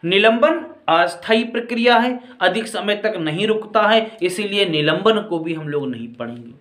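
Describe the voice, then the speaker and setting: A man gives a chemistry lesson in a higher-than-usual voice, taking it point by point and checking that his students are following. He addresses them as children and friends. The sound carries a clear room echo. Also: animated, normal speed, a bit bright. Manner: explains step by step, often asks if it is clear. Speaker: chemistry teacher. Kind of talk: classroom-style lecture. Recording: echoey room.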